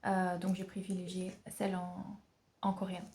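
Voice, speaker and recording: A woman vlogging casually from home about learning songs, chatty and self-mocking, sounding out syllables slowly. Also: on the low side, monotone, dark tone. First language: French. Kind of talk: casual vlog.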